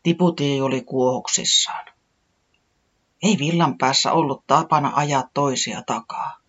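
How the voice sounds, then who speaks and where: A storyteller reading a children's story aloud with expressive narration. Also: mid-range voice, husky, lo-fi sound.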